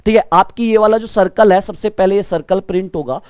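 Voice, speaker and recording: A man with a naturally loud voice teaching a live online reasoning lesson, energetic and quizzing his students like brothers. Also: sits high, fairly quick, smooth, no echo, studio quality. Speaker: reasoning teacher for exam prep.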